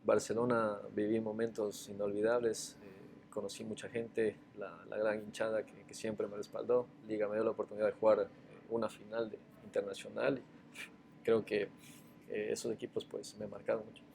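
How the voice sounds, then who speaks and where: A low-voiced, gravelly man with an Ecuadorian accent answers interview questions about his playing days. He speaks hesitantly, stumbling over repeated words and fillers, with a faint hum of noise behind him. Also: monotone, normal speed, darkish tone. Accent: Ecuadorian Spanish. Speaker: guest, former footballer.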